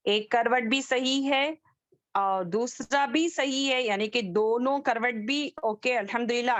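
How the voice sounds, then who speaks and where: Slow, patient woman teaching tajweed. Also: on the high side, no room sound. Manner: slow, patient, drawn-out letter drills. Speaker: Quran recitation teacher. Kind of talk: online tajweed class.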